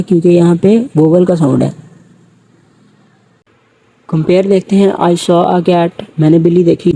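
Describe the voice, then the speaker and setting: A man's voice: a little high, mellow, breathy edge, rough recording. A man teaching an English grammar lecture, who asks his students questions and then answers them himself.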